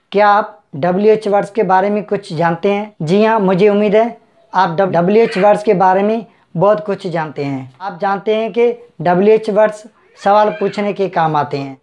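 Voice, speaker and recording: A man's voice: high voice, a little mellow. Man teaching grammar, repeating himself patiently. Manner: repetitive, keeps addressing viewers directly. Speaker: English teacher. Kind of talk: bilingual grammar tutorial.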